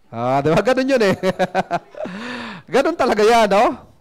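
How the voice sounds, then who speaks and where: Casting: male seminar presenter, high voice, playful storyteller. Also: big pitch swings, unhurried. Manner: chatty, playful, asks the audience questions. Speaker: seminar speaker. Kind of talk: motivational seminar talk with storytelling.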